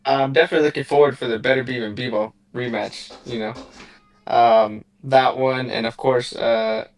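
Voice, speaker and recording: A man's voice: medium pitch, expressive, normal speed. A young man from Southern California, a boxer answering interview questions in a laid-back, rambling way with lots of fillers over a remote call. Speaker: boxer guest. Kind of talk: casual interview.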